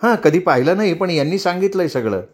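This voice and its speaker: A man voicing a young woman, grieving but composed, speaking softly with affectionate teasing in a Marathi audiobook reading. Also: fairly low pitch, lively intonation, fast talker, breathy edge, voice pushed up. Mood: warm teasing.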